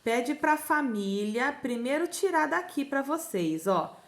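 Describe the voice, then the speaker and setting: A Brazilian woman teaching a remote lesson to young children, sounding out words syllable by syllable in a slow sing-song way. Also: sits high, expressive. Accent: Brazilian Portuguese. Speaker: primary school teacher.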